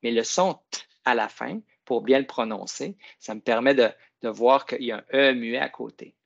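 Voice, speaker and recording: A middle-aged man, giving a classroom reading demonstration in a coaxing, slow teacher voice that stretches key words. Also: medium pitch, creaky, dull audio. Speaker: teacher trainer.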